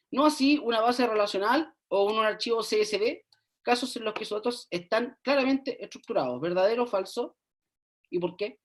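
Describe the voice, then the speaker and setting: A woman teaches a university class online, going through quiz answers one by one. Her delivery is unhurried and explanatory. She keeps checking in with short tag questions and hums while she reads through replies. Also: medium pitch. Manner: checks in often with "¿ya?" and thinks aloud with hums. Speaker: university lecturer.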